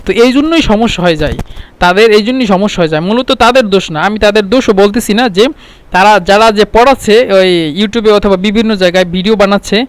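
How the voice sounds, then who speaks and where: A man from Bangladesh teaching Arabic in a casual spoken lesson, explaining with restarts and repeated words and slowing down to spell out Arabic words. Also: high-pitched, smooth, dry recording. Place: home.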